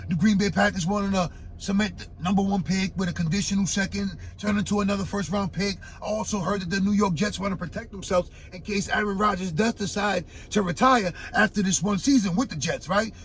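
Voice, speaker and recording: Raspy-voiced man hosting sports talk. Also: high voice, a little hiss or hum. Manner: laid-back, conversational, frequent fillers like "man" and "right". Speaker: sports talk show host. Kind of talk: casual sports commentary. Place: home in Florida.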